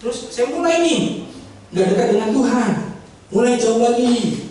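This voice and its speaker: A man's voice: extremely high pitch, expressive, unhurried, a little mellow, a little hiss or hum. A man preaching to a congregation, acting out a pleading sinner in a dramatic sermon illustration. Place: church hall. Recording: echoey church hall from far off.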